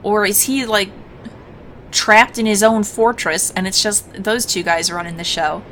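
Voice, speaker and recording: A woman's voice: medium pitch, fairly even intonation, measured pace, a bit bright. Casual woman gamer over background noise. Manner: informal, musing aloud. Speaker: gaming host. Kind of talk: casual let's play commentary and narration.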